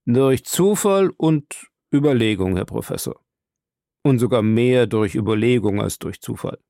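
For an audiobook, a man voices a stern, proud submarine captain, speaking calmly, measuredly and with command. His mid-range voice has vocal fry, and the studio-quality recording has no echo.

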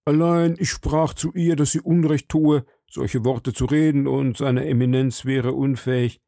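A man voicing a timid, frightened shopkeeper who pleads anxiously in a raised, higher voice. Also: fairly even intonation, a little slow, gravelly, warm tone, no room sound, studio quality.

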